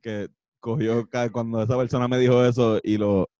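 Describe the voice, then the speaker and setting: A man's voice: medium pitch, level tone, normal speed, mellow, no echo. A man in his twenties with a Puerto Rican accent, co-hosting a casual podcast and joking around with slang. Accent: Puerto Rican Spanish. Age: 20s. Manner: joking, slangy, imitates voices. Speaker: podcast co-host. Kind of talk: casual chat.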